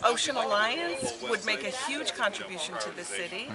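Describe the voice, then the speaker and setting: A woman in her fifties, a city official, answering interview questions in a measured, matter-of-fact way outdoors. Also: on the high side, animated, a loud crowd. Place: outdoors by a brick building. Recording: outdoor noise and nearby voices.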